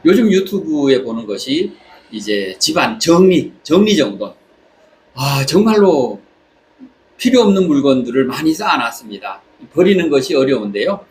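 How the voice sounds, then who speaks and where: A man from South Korea speaking a reflective personal monologue, haltingly, pausing between short phrases. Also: medium pitch, big pitch swings, a little mellow. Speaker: vlogger. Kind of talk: reflective spoken monologue while travelling. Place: on holiday in Southeast Asia. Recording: clear background ambient noise.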